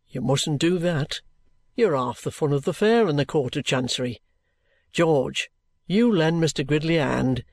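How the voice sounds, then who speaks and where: Woman playing bluff, coaxing Inspector Bucket, pitched down. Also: a little mellow, no echo, clean studio sound. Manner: colloquial, hearty cajoling with rhetorical questions. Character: bluff, coaxing, good-humoured male police inspector. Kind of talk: audiobook character acting.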